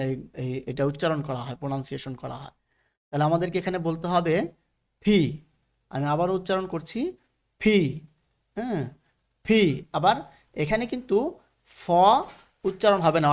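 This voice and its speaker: In a recorded lesson, a man with a Bangladeshi Bengali accent and a slightly high voice teaches English letter sounds. He patiently repeats each letter, using fillers often.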